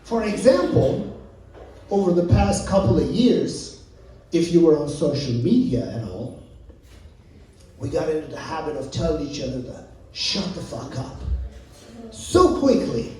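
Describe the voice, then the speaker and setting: A man's voice: a little high, sing-song, unhurried, long pauses, mellow, slight background noise. Profane man doing stand-up. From Turkey. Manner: brash, profane, punchy delivery. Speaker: stand-up comedian. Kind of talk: stand-up set. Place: lounge stage. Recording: echoey room from a distant mic.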